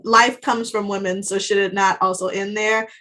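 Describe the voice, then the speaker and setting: A woman's voice: medium pitch, little pitch movement, moderate pace, bright, forceful tone. A woman co-hosting a podcast, chatting casually about a TV episode, wandering into tangents and laughing often. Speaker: podcast co-host. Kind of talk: casual chat reviewing a TV episode.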